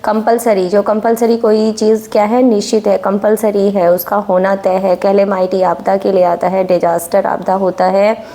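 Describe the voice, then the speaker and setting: A woman's voice: mid-range voice, little pitch movement, normal speed, few pauses, mellow. A woman teaching English vocabulary for exam prep, repeating each word and its meaning and often checking in with "okay?".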